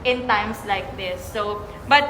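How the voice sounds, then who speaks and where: A woman's voice: medium pitch, slow pace, bright, forceful tone, a little hiss or hum. A woman with a Filipino accent hosting a casual podcast chat while eating, upbeat and switching between English and Tagalog. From Philippines. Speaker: membership consultant and podcast host. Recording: echoey room.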